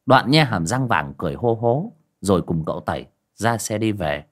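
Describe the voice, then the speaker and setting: A man narrating a ghost story in a lively, colloquial storytelling manner. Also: fairly low pitch, moderate pace.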